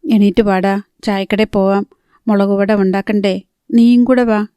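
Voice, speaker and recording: Woman narrator doing a sharp-tongued old grandmother for an audiobook; keep it level and dry. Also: medium pitch, flat delivery, measured pace, smooth, dry recording, natural voice. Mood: coaxing. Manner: scolding, sharp questioning. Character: stern old grandmother, quick-tempered.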